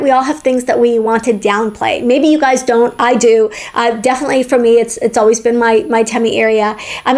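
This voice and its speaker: Frank chatty woman vlogger, fairly high voice. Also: a little mellow. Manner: frank, chatty, repeats words when emphatic. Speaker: fashion vlogger. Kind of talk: opinionated style advice to camera.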